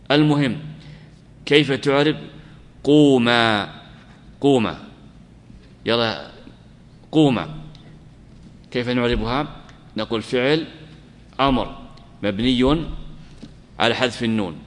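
A middle-aged man teaching a grammar lesson to students, asking them questions, repeating key words and stressing examples loudly. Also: mid-range voice. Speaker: sheikh teaching Arabic grammar. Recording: long reverb of a lecture hall.

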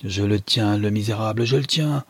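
A man voicing a desperate, fierce army captain who shouts urgent cries in a husky voice. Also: fairly low pitch, completely flat delivery, normal speed, no room sound.

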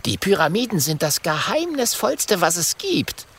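Storybook lead: a bookish young dragon, earnest and eager, with a raised, lively voice, read by a man. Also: high voice, normal speed, slightly rough, pitched above the performer's own voice, full character voice.

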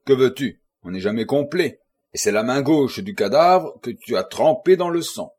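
Man reading a husky, mocking, powerfully built detective; ironic. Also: medium pitch, animated, moderate pace, darkish tone. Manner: mocking, teasing. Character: burly ironic male police detective.

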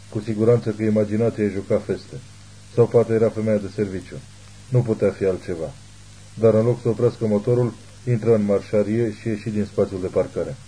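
A man narrating an audiobook in a steady, measured reading. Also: lowish voice, husky, low-quality recording. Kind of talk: scripted narration.

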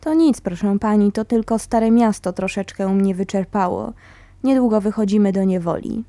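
A woman's voice: mid-range voice, moderate pace, mellow, no echo, close to an everyday voice. A woman reading as a worn-out, polite young soldier. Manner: respectful, apologetic. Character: exhausted young male insurgent, polite and shy.

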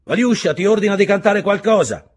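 A man voicing a hoarse criminal who shouts orders from the upper bunks, raspy and bossy. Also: sits high, lively intonation, brisk, pitched above the performer's own voice. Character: hoarse loud barracks criminal calling from above.

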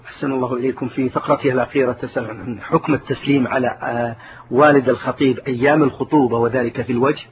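A man's voice: medium pitch, steady tone, racing. A man presenting a radio program and reading out listeners' questions in formal standard Arabic, with courteous set phrases. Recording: narrow phone-like band, clear background noise.

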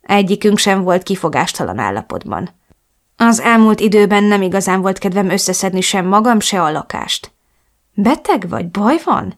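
A woman's voice: mid-range voice, expressive. Emotional woman narrating an audiobook. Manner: emotional, melancholic storytelling. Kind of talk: first-person novel narration.

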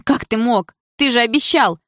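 A woman reading an audiobook, voicing a jealous young woman who shouts in hurt anger. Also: a little high, moderate pace, no echo, studio quality, pitched above the performer's own voice, natural voice. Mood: furious.

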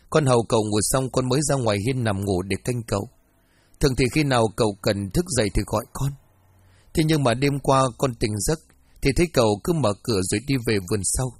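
A man's voice: mid-range voice, husky, close to an everyday voice. A man doing a humble frightened servant. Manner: humble, pleading.

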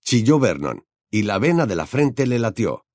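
A man narrating an audiobook in an expressive storytelling style. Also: fairly low pitch, normal speed, dry recording, clean studio sound.

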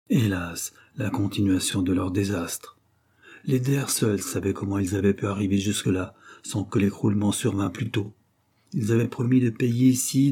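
Husky, dark-voiced male narrator. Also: lowish voice. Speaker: audiobook narrator. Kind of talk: scripted narration.

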